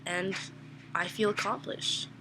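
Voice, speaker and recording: A woman's voice: mid-range voice, level tone, slow, heavy background noise. A young woman vlogger telling an embarrassing story in a casual, self-mocking, rambling way.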